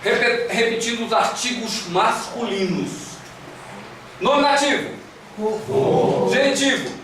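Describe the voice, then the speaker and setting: A man's voice: very high voice, expressive, slow, pushed and bright. A man with a Brazilian Portuguese accent teaching a Greek class, drilling students with repeated syllables and coaxing questions. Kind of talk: classroom lecture. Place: classroom with echo. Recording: echoey room, distant mic, faint hiss.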